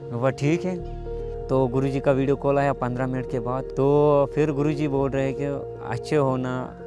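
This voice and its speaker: A young man from Kashmir, telling his personal story in a conversational way, pausing with hesitant fillers. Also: mid-range voice, fairly even intonation. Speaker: meditation teacher sharing his story. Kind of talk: personal testimonial. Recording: music playing clearly underneath.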